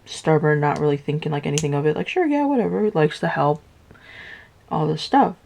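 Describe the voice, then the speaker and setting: A young woman casually retelling a story while building Legos, rambling with lots of filler words and high, playful voices for the characters. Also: flat delivery, moderate pace, creaky, darkish tone, slight background noise. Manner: rambling, filler-heavy, with "like" everywhere. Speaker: vlogger.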